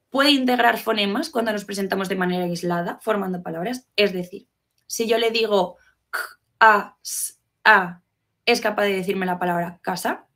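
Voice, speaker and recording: A woman giving an explanatory talk to fellow professionals, asking rhetorical questions and checking in often. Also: medium pitch. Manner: teacherly, poses rhetorical questions, frequent "¿vale?" check-ins. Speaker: educator giving a talk on literacy.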